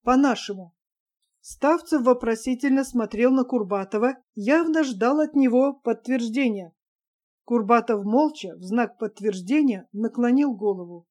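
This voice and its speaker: A woman narrating an audiobook in a steady, even manner. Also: a little high, a little slow.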